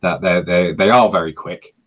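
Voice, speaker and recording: Very deep-voiced, halting male host. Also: a bit bright. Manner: halting, many fillers and restarts. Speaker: host of a livestream Q&A. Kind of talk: casual livestream interview. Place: home in South Korea.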